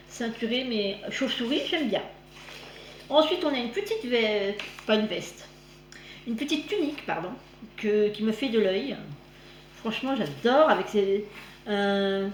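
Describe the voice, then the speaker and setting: A woman with a slight lisp on her s sounds, chatting casually as she hosts a magazine review vlog. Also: fairly high pitch. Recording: roomy echo, clear background noise.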